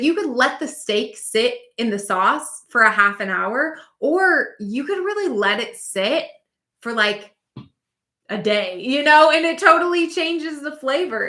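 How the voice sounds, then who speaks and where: Chatty bubbly woman coach, kinda high bright voice, lots of "like" and "you know", roomy echo. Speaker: business coach. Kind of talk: casual teaching monologue.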